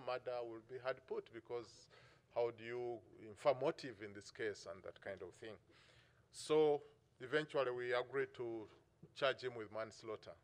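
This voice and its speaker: A middle-aged man with a Ugandan accent, speaking on a symposium panel as a prosecutions director and telling an anecdote from his office in a measured way, with many "uh" fillers and restarts. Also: medium pitch.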